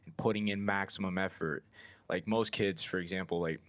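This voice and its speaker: Give a very low, deep voice to a young man in his twenties hosting a podcast. He rambles loosely, full of "like" and "you know", recorded close and dry with no room sound at all. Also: fairly even intonation, a little fast, fairly bright tone, no room sound. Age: 20s. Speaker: podcast host. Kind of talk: casual interview chat.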